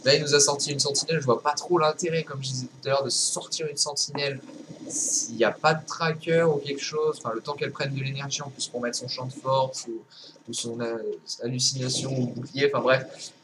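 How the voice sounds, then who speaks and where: A man's voice: medium pitch, steady tone, brisk. Young male gamer commentator, loose rambling delivery with fillers, faint hiss behind. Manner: rambling, many fillers and restarts, swears casually. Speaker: gameplay commentator. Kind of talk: casual game commentary.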